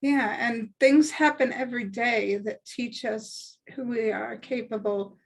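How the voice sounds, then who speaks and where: A woman's voice: on the high side, fairly even intonation, unhurried, husky. A woman in her thirties hosting a casual video-call chat, earnest and often giggling as she teases. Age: 30s. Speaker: club owner and discussion host.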